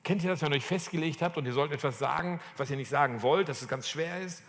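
A man's voice: fairly high pitch, quick pace. A man preaching a sermon, telling a personal story and acting out quoted dialogue, becoming emphatic at times. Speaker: pastor. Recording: long hall reverb.

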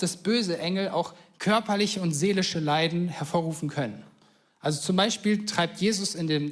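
A man with a high voice preaches a relaxed, conversational sermon. He retells old stories with enthusiasm and slips into quick acted-out quotes in plain everyday speech. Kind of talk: casual sermon.

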